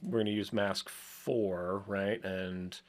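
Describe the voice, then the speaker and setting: A man co-hosting a casual design show, thinking aloud as he works, with frequent ums and soft chuckles. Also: deep voice, steady tone, takes it slowly. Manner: rambling, chuckles often, many ums. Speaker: co-host working in software.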